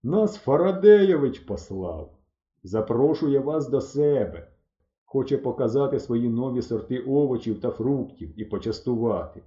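A man voicing a brash teenage village youth who mocks in a loud, drawn-out, scornful way. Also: mid-range voice, animated, close to an everyday voice. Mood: brisk. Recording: roomy, slightly dull recording.

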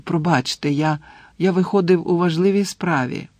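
A man's voice: fairly high pitch, moderate pace, a little mellow, dry recording, pitched above the performer's own voice, natural voice. A man voicing an eager, impatient teenage boy hero in a storybook reading. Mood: urgent. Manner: urgent, exclaiming.

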